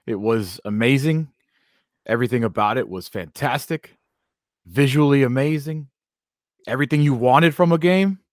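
A man's voice: mid-range voice, normal speed, pauses often, dry recording. Casting note: male sports radio co-host, emphatic opinionated delivery, dry close mic.

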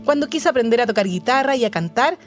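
A young Chilean woman with a Chilean accent, calmly narrating her own life story in a scripted, reflective way. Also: on the high side, fast. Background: music under the voice.

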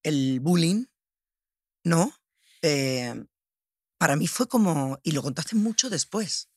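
A woman's voice: sits low, expressive, takes it slowly, a little mellow, slightly rough, dry recording, studio quality. A middle-aged woman hosting a podcast, asking probing questions in an intimate conversation, often restarting her sentences. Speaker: podcast host.

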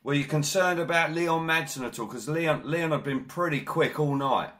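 A man's voice: a little high, normal speed, fairly bright tone. A man interviewing about sport in a conversational way, recapping races with wordy enthusiasm before putting his questions.

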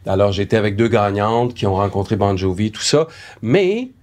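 A man's voice: fairly low pitch, big pitch swings, normal speed, darkish tone. A middle-aged man from Quebec with a Québécois French accent, a former music-TV host, looking back thoughtfully with frequent hesitations. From Arvida, Quebec. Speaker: former VJ, guest. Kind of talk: reflective conversation.

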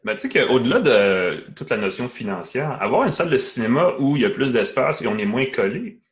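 A man with a Quebec French accent hosting a casual chat, relaxed and asking questions. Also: mid-range voice, brisk.

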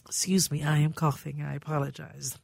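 A woman's voice: low-pitched, little pitch movement, brisk, vocal fry, a little mellow, slightly rough, no room sound. An older woman hosts a radio talk show from a studio. She tells stories in a heartfelt, reminiscing way, and her voice sits close and dry with no room sound.

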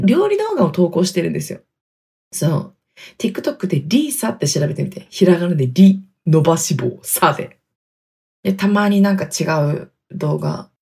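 A woman around thirty from Hokkaido hosts her own solo podcast, chatting in a hushed, self-deprecating way as she records in a closet. Her voice is husky and gravelly with a mellow, dark tone, and it swings widely in pitch. Faint music sits under it. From Hokkaido, Japan. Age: 30s. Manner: speaking quietly on purpose. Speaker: podcast host. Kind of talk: casual solo podcast chat. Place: inside a closet in a wooden apartment studio. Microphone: computer mic in closet.

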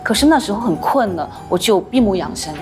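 A woman actress, the guest in a podcast interview, telling stories with animated acted-out voices. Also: mid-range voice, fairly quick, faint music behind. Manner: animated storytelling, acts out quoted voices.

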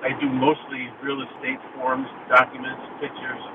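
A man's voice: medium pitch, completely flat delivery, normal speed. A man calling a radio show from a hands-free car phone, his voice hollow with a cave-like echo, chatty and plainspoken. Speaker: radio call-in caller. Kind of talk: casual call-in chat. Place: inside a car being driven. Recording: tinny car phone line with road noise.

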